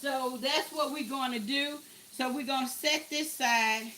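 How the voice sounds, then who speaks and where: A woman's voice: high-pitched, unhurried, sharp tone, a little hiss or hum. A woman chatting casually to her viewers while cooking in her home kitchen. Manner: chatty, talks to viewers as "y'all", exclaims over the food. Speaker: cooking vlogger.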